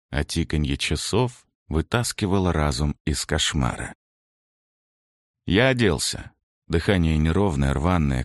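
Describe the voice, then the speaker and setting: A man's voice: low voice, no echo, studio quality. A man giving a grim first-person narration of a gritty story. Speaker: audiobook narrator.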